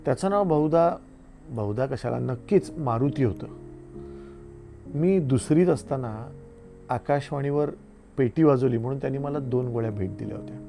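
A middle-aged man from India reading his own short reflective essays aloud in a measured, storytelling manner, with quiet pauses. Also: mid-range voice, faint music behind. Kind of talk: literary book reading.

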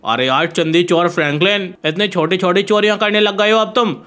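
A man's voice: sits high, a little fast, fairly bright tone. A man voicing a lazy, boozy, nosy man who teases and pries in a game video.

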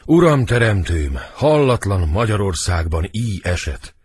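A man's voice: fairly low pitch, very animated, slightly rough. A man voicing a loyal, frantic old male servant in a dramatic audiobook reading. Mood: alarmed. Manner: loud, urgent stage delivery.

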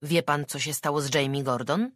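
A narrator reading an audiobook and voicing a calm detective asking even, probing questions. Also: mid-range voice, normal speed, no room sound, studio quality, close to an everyday voice. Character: calm, methodical police detective.

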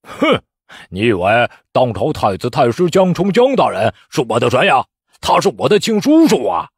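A man doing a big, arrogant young nobleman in a storytelling performance, with a haughty, cold sneer and quick flares of temper. His lively pitch rises sharply as the anger builds. The voice is a little husky. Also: no echo, clean studio sound.

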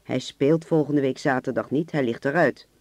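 An actor playing a curt, dismissive store manager in a radio play. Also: male voice, medium pitch, moderate pace, a little mellow, no echo, close to an everyday voice. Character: gruff grocery store manager, hard-nosed.

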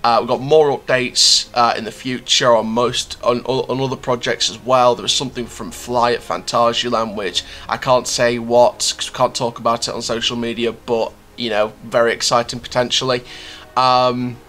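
A young man from the United Kingdom talks through a theme park news update in a bright, forward voice. His delivery is chatty, full of fillers and restarts. He records himself in a small room at home with the camera close to his face. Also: medium pitch, little pitch movement, moderate pace. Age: young adult. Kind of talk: news update reading, then casual commentary.

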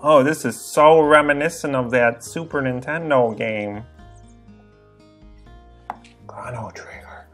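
A man's voice: medium pitch, normal speed, few pauses, a bit bright, faint music behind. A man giving casual, joking commentary while playing a game, rambling and wisecracking. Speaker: let's play gamer.

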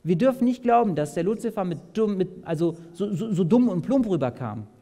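A man preaches a sermon in a slightly high voice, putting questions straight to his listeners. He moves between raised, urgent passages and quiet ones. His voice rings with the long reverb of a large hall. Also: very animated, brisk. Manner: asks the audience direct questions, swings between loud and soft. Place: large hall at a camp meeting.

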